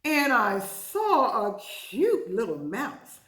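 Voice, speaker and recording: A woman with a voice on the high side teaches young children in an animated, emphatic way during an interactive read-aloud and vocabulary lesson. Her delivery is deliberate and teacherly, full of repetition and questions. The sound is roomy and echoing.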